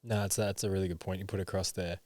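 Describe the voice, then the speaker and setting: A man hosting a podcast, asking questions quietly and affirming his guest. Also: sits low, little pitch movement, quick pace, no room sound, clean studio sound. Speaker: podcast host. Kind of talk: interview questions.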